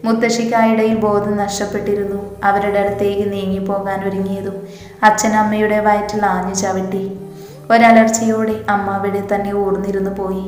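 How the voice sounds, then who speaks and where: A woman storyteller reading a scripted story in a steady, even way. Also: medium pitch. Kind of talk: scripted narration. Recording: echoey room with reverb. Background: soft music.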